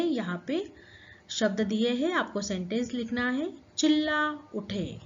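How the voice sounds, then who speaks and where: A woman teacher explaining a grammar lesson to schoolchildren, slow and patient. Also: fairly high pitch, a little mellow, lo-fi sound.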